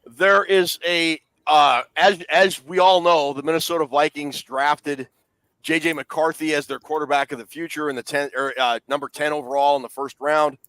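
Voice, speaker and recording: A man's voice: a little high, steady tone, normal speed, fairly bright tone, no echo. A man co-hosting a casual sports talk show, leading the discussion and teasing his co-hosts with questions. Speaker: podcast co-host.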